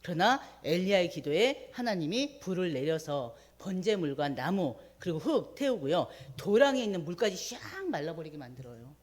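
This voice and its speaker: A woman preaching a midweek sermon, retelling a scripture story with animated voices for the quoted prayers. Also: on the low side, normal speed, few pauses.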